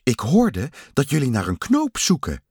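A man's voice: medium pitch, huge pitch swings, normal speed, a little mellow, husky, no echo, studio quality, exaggerated voice. A man voicing a friendly male raccoon who offers help in a raised voice. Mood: helpful. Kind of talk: storybook voice acting.

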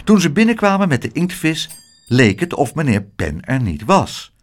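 A man reading a children's story aloud in a lively, expressive way. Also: a little high, moderate pace. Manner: animated, expressive.

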